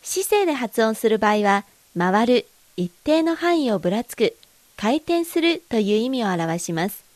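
A woman teaching a language lesson, reading dialogue lines with careful, deliberate enunciation. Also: fairly high pitch, very animated, darkish tone, dry recording.

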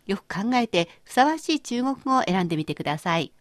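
A woman hosting a radio language lesson, explaining phrases clearly and chatting with her co-teacher. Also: medium pitch, big pitch swings, a little fast, dry recording, studio quality. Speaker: language course host.

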